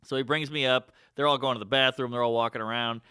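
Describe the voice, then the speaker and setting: A man co-hosts a comedy podcast, telling a story in lively casual chat. His voice is bright, smooth and a touch high, and it sits dry and close to the mic. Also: no room sound. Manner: animated storyteller, does quick voices in quotes.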